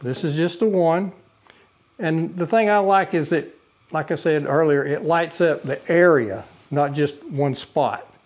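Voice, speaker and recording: Speaking a little slowly in a fairly high voice, an older man gives a casual demo of a camping lantern. He reviews products from his indoor living room with a brick wall, and his plain delivery includes frequent uhs and restarts.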